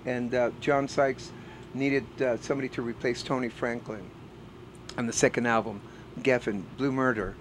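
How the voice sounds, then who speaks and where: Middle-aged man, earnest and hesitant, casual backstage interview with clear background noise. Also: medium pitch, flat delivery, moderate pace, rough recording. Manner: earnest and reflective, frequent "uh" hesitations. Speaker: bass player. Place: backstage at a music festival.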